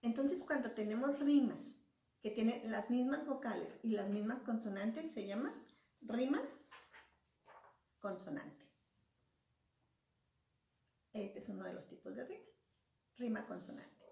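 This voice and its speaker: Slow patient woman teacher, echoey room. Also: a little high, expressive, gravelly, dark tone, a little hiss or hum. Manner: patient, spells out syllables and letters. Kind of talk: slow classroom explanation. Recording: echoey room, voice far from mic.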